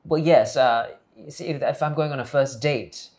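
This man's mid-range, slightly mellow voice moves at a normal speed as he lightly acts the part of a tutor from England in a comedy series. The scripted character is courteous and hesitant, choosing formal, careful words.

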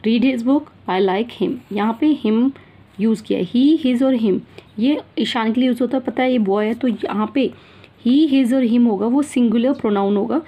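A woman's voice: fairly high pitch, unhurried, highs cut off. An Indian woman teaching an English grammar lesson to children, mixing Hindi and English and often checking that her pupils follow. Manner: mixes Hindi and English, calls pupils "beta", repeats and checks "theek hai na". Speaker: school teacher.

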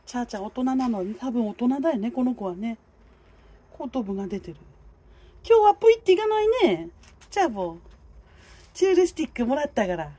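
A woman's voice: a little high, animated, fast, dark tone, husky. A woman chatting to a neighborhood cat while filming it on a phone outdoors, coaxing and teasing it. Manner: chatty, coaxing, talks to the cat in a sing-song voice.

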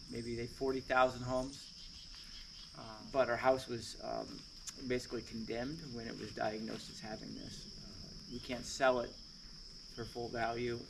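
A chatty man giving a plainspoken basement tour for his own channel, voice sitting in a middle range. His talk is relaxed and full of small "uh" fillers. Faint noise and crickets hang behind him. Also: medium pitch, creaky. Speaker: woodworking channel host. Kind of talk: casual walkthrough vlog. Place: basement under a lifted house.

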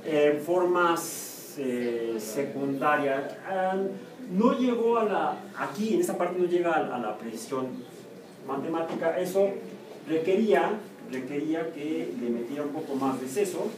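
A man's voice: fairly high pitch, animated, a little slow. A man with a Mexican Spanish accent, a university professor giving a classroom lecture, who puts questions to the class and answers them himself. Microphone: room or camera mic from a distance. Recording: echoey classroom, far from the mic, noisy.

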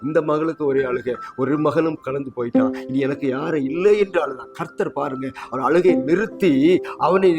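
Pastor preaching hard, voice jumps up on the big lines, music playing underneath. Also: male voice, a little high, moderate pace. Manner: fervent preaching, voice rising sharply for quoted words. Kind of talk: sermon. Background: instrumental music.

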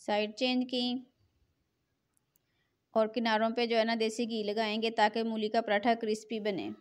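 A woman's voice: fairly high pitch, level tone, moderate pace. Chatty middle-aged woman. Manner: chatty, repeats filler phrase "jo hai na". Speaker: cooking channel host. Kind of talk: cooking tutorial voice-over.

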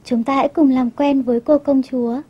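Gentle female kids' TV teacher, high mellow voice with a husky edge, dull lo-fi broadcast sound. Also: little pitch movement, fairly quick. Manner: gentle, coaxing questions to children. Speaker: English teacher. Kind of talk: storytelling TV lesson for children.

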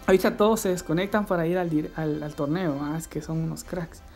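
Gaming streamer, male, excitable live-chat host reading viewer comments, loud game music behind. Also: a little high, fairly quick, gravelly. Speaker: livestreaming gamer host.

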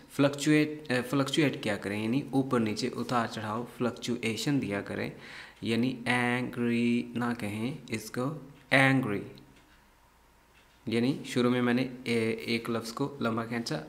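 A man teaching a phonics lesson, repeating each word with exaggerated stress to model how it should sound. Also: mid-range voice. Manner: deliberate, repeats words to model pronunciation. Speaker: English teacher.

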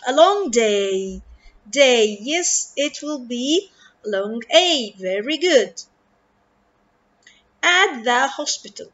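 A woman with an Arabic accent teaching an English reading lesson, speaking slowly and deliberately and stretching out words for her pupils. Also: sits high, a bit bright, muffled recording. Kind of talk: recorded online lesson.

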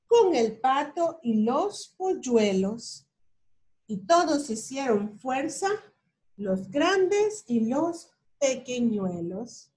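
A woman's voice: high-pitched, darkish tone. A woman teacher reading a picture book aloud to young children, playful and pointing things out as she goes. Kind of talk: children's story time read-aloud.

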